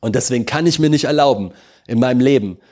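A man preaching a sermon, swinging between slow, emphatic proclamation and soft, intimate prayer, often checking in with his congregation. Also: medium pitch. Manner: addresses congregation with repeated questions.

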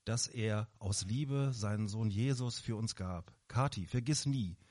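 A man voicing a kind, patient old candy maker gently explaining things to his granddaughter. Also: on the low side, a little slow. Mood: gentle.

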